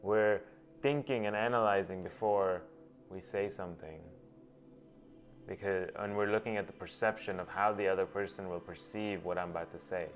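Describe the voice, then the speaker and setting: A Gujarati-speaking male host talks at normal speed in a low, steady voice. Working through ideas in a reflective monologue, he thinks aloud and often begins phrases again. The recording sounds dull and lo-fi, with faint music behind him.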